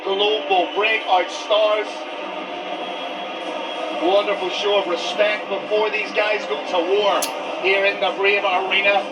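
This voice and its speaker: A man's voice: high-pitched, little pitch movement, takes it slowly, recorded from a distance, over loud music, poor audio. A man working as play-by-play commentator, giving fluent, informative fight commentary.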